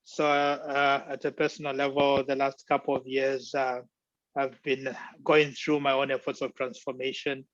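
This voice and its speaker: A man's voice: mid-range voice, little pitch movement, normal speed, a bit bright, dry recording. Man in his forties on dry, dull call audio. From Zambia. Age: 40s. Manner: thoughtful, hesitant, many fillers. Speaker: webinar participant. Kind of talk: casual self-introduction.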